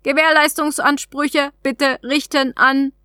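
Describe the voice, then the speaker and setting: A woman's voice: high voice, little pitch movement, takes it slowly, pushed and bright, no room sound, clean studio sound, voice pushed up, exaggerated voice. A woman doing a clipped, formal alien vending capsule. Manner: clipped, formal machine announcements. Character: polite robotic alien trading capsule.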